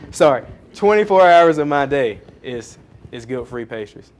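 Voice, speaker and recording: A man speaking as the featured guest at a small startup event. He rambles cheerfully through his answers, with plenty of ums and jokes at his own expense, at a middling pitch. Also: animated, normal speed. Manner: chatty, rambling, self-deprecating, many fillers. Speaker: pastry chef and founder, featured speaker. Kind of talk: casual onstage Q&A answers. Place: coworking space event.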